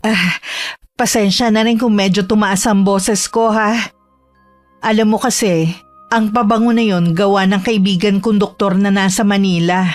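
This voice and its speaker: A woman voicing a smooth-talking, sinister female doctor who reassures and coaxes her patient. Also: mid-range voice, steady tone, normal speed, faint music behind, lightly acted. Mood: persuasive. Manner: reassuring, coaxing, defensive. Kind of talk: audio drama acting.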